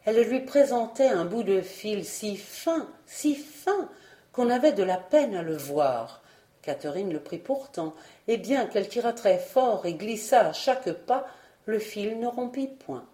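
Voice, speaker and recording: Mellow woman reading a fairy tale aloud. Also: mid-range voice, roomy sound. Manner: calm, measured reading. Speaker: audiobook reader. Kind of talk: storybook narration.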